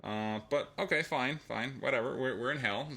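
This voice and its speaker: A man's voice: mid-range voice, normal speed, vocal fry, sharp tone. A man giving an opinionated, casual spoken review of a comic book, thinking aloud as he goes.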